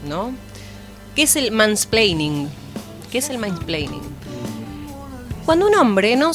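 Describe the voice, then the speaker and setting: A woman's voice: mid-range voice, a bit bright. An Argentine woman TV panelist explaining a point in studio commentary, asking rhetorical questions. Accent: Argentine Spanish.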